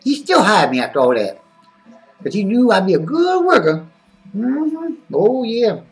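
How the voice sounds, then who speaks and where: A man's voice: sits high, big pitch swings, measured pace, recorded from a distance, soft background music, heavily acted. A man voicing a zany, boastful male wrestling-fan character who drawls and talks about himself in the third person.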